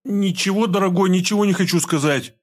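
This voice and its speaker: A woman's voice: medium pitch, fairly quick, pitched above the performer's own voice, natural voice. A man putting on a terrified pleading wife. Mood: fearful. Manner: gabbling, broken, pleading. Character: frightened young wife of a gang boss.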